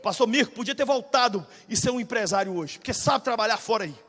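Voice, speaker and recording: Brazilian man, 40s, fiery preacher; high, bright, husky voice in a reverberant hall. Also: expressive, fast. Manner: shouting bursts, then dropping low and confiding. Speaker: pastor. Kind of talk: energetic sermon. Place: large church hall, live audience.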